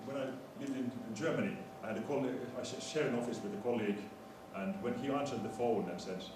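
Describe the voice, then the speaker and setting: A man's academic lecture comes across as halting and unsure, with stammered repeats of word beginnings. It was captured from afar in a very echoey room with a noisy rumble underneath.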